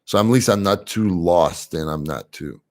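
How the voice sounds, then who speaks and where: This livestream host is a young Frenchman speaking English as a second language, reading chat comments aloud and laughing easily. His low voice moves at a normal pace, and he sounds relaxed and chatty, often with soft laughter.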